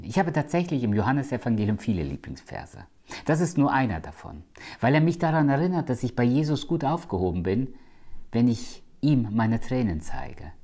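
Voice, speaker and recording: Preaching a sermon, this man speaks emphatically, slows for scripture quotations, and occasionally lowers to a hush. His voice is mid-range.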